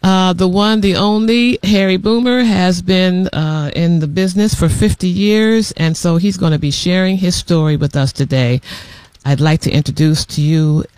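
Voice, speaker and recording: Radio host, high voice, dry close sound, eager interviewer. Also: male voice, moderate pace, darkish tone, clean tone, dry recording. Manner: enthusiastic, friendly interviewer.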